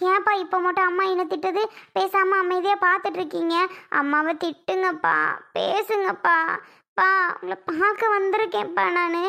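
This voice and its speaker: A woman's voice: very high voice, steady tone, moderate pace, gravelly, pushed and bright, heavily acted. A woman voicing a young married daughter in a cartoon family serial, pleading with her father and calling out to him over and over. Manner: pleading, repeated calls of "appa".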